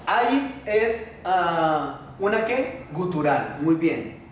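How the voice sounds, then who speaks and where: High-voiced man teaching in an echoey room. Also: very animated, takes it slowly, far from the mic, slight background noise. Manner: patient, asks the class questions, many filler "ah". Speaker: Biblical Hebrew teacher. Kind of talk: classroom lesson.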